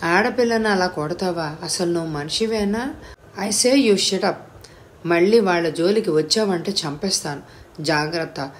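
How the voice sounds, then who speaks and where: A hot-tempered, heavyset bald old man who barks his questions and scolds, as a woman reader puts him on. His voice sits a little low, pushed louder and higher when he gets angry. He sounds like a character in a spoken storybook. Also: normal speed, natural voice. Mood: furious. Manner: scolding, bullying.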